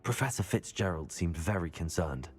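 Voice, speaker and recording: Earnest young student hero in a fantasy game, kinda low voice, polite and curious. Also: male voice, lively intonation, normal speed. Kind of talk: video game cutscene acting.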